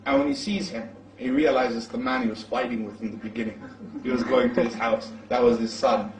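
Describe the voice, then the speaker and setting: A man's voice: medium pitch, expressive, fairly quick, a crowd in the background. A man preaching, who tells a story with energy and acts out its dialogue. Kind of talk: sermon storytelling. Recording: echoey, from far off the mic.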